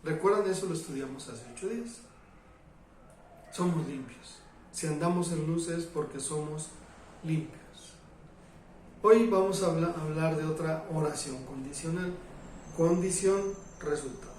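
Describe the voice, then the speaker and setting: A man's voice: a little high, measured pace, pauses often, a little mellow, a little hiss or hum. A man with a Mexican Spanish accent, teaching a Bible study as a pastor, putting rhetorical questions to the congregation. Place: church hall. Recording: echoey hall from a distance.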